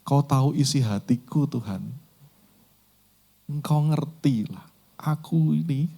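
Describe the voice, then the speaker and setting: A man's voice: on the high side, mellow, pitched above the performer's own voice. A man voicing a remorseful grown fisherman disciple who pleads through tears during a sermon retelling.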